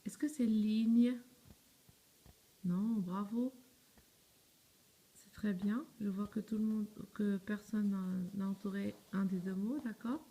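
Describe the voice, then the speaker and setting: Slow, patient woman teaching spelling. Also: medium pitch, steady tone, dark tone, breathy edge. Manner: patient, asks and answers her own questions; spells words letter by letter, often checks "d'accord?". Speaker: primary school teacher. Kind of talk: slow step-by-step spelling lesson.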